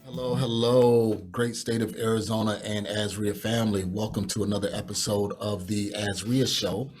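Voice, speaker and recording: A man's voice: on the low side, flat delivery, normal speed, darkish tone, faint music behind. A man hosting a podcast, chatty and upbeat, often repeating words as he talks. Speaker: podcast host.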